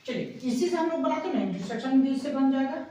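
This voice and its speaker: A woman teaching an exam-prep maths lesson at a board. She explains step by step, repeats herself and counts numbers aloud slowly. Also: high-pitched, animated, mellow, a little hiss or hum. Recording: echoey room, voice far from mic.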